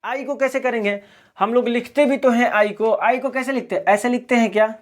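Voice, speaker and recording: A man's voice: extremely high pitch, fairly even intonation, a little fast. A man from Bihar, teaching a video lesson in a question-and-answer drill, asking each question and answering it himself. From Bihar, India. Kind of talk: classroom-style video lesson.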